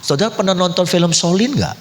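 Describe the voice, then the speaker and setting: A man preaching a sermon as pastor, with dramatic leaps to high cries and drops to low, quiet lines. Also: brisk, a little hiss or hum. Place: church. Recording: long church hall reverb.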